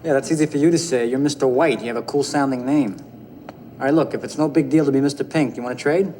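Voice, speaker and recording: A man's voice: mid-range voice, quick pace, dark tone, lightly acted. An actor playing a whiny, pushy male robber who complains and argues in crime film dialogue. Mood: envious, pushy. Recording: noisy, long reverberant room sound.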